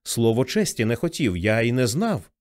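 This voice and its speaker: A man reading the lines of a quiet, earnest young man in an audiobook. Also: mid-range voice, sing-song, normal speed, no room sound, clean studio sound, close to an everyday voice. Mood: remorseful.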